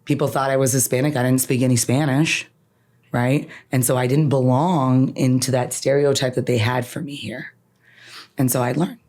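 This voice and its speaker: A woman with a very deep, slightly mellow voice speaks at a normal speed with fairly even intonation. She's an attorney raised in Canada whose first language is Farsi, appearing as a podcast guest and reflecting on her life. She talks earnestly and emphatically, often closing a point with "right?"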